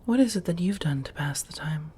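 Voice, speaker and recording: A woman plays a genteel, affectionate, centuries-old vampire housemate in soft-spoken ASMR, close to her everyday voice but husky and breathy, lowish, with lively intonation and measured, old-fashioned phrasing. A little hiss or hum can be heard, and the mood is reflective and genteel.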